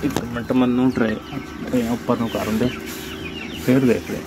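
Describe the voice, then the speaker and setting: Walking through a poultry farm's sheds and yard, a young Punjabi-accented man from India talks casually to his phone audience like they're friends. He speaks in a mid-range voice with a steady tone at a measured pace. The clip is noisy with clucking chickens and birds.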